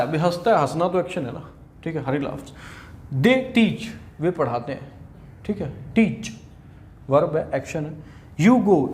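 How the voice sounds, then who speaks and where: Young haryanvi guy teaching english grammar, kinda high voice, keeps quizzing the class and teasing them. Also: a little mellow. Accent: Haryanvi Hindi. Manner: chatty, scolding asides, rhetorical questions. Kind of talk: online exam-prep lesson.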